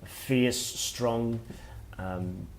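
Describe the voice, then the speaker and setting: A middle-aged man, an author giving a workshop talk, speaking in a reflective, halting way as he thinks aloud. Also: medium pitch, slight background noise. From Wales. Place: workshop room with listeners.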